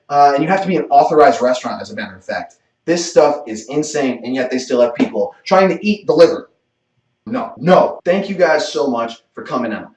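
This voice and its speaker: A man hosts a casual food countdown vlog, talking with bouncy, animated pitch in a fairly high register. He is energetic and jokey and swears freely. The sound is roomy and echoey, caught from some way off the mic. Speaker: cooking channel host. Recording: roomy echo, distant mic.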